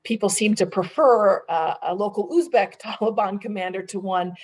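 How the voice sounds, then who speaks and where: A woman's voice: mid-range voice, normal speed, a little hiss or hum. Conversational woman moderating a policy panel. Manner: conversational, many fillers and restarts. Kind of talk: policy roundtable discussion.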